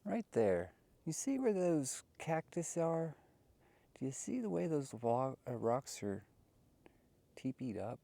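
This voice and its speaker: A man's voice: on the high side, sing-song, takes it slowly, vocal fry, long pauses, warm tone. Folksy man narrating a canyon hike. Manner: chatty, wandering, folksy. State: winded from climbing. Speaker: hiker filming his hike. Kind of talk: casual vlog narration. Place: outdoors in a desert canyon. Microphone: handheld camera.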